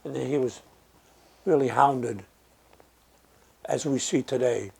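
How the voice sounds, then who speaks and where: An older German man gives an oral history interview, talking slowly and thoughtfully with many pauses and fillers. His voice sits in the mid range and sounds creaky and husky.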